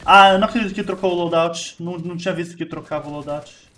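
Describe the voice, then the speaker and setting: A man with a Brazilian Portuguese accent, hosting a gaming video and commentating his matches casually, quick to exclaim and laugh at his own plays. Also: a little high, steady tone, a bit bright.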